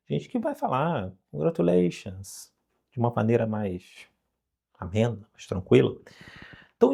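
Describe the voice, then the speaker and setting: Animated Brazilian English teacher. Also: male voice, on the high side, creaky, slightly rough. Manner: animated, coaxing, rhetorical questions. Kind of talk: online lesson to camera.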